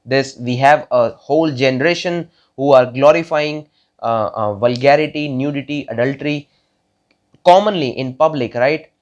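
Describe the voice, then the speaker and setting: Man in his twenties, from India, solo talk to camera, keeps restarting his sentences, recorded on a dull, muffled mic. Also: mid-range voice. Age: 20s. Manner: halting, many fillers and repeated words. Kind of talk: casual monologue to viewers.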